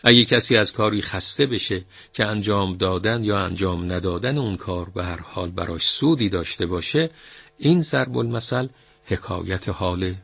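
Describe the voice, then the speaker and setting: Male radio storyteller, low gravelly voice, dry close sound, friendly to listeners. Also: a bit bright, dry recording. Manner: friendly, addresses listeners directly.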